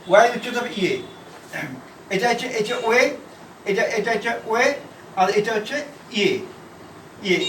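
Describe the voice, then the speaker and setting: A man from India teaching a shorthand class, explaining slowly and repeating himself, letter by letter. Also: very high-pitched, fairly bright tone, a little hiss or hum. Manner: repetitive, halting, spells out letters. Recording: echoey room from far off.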